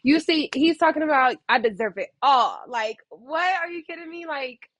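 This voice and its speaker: Young SoCal woman, mid-pitched, rambling casual vlog delivery with excited pitch spikes; close, dry recording. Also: moderate pace, no echo. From Southern California. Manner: meandering, heavy use of "like", sudden excited jumps in pitch. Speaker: vlogger. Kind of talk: casual reflective monologue. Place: a friend's home, indoors.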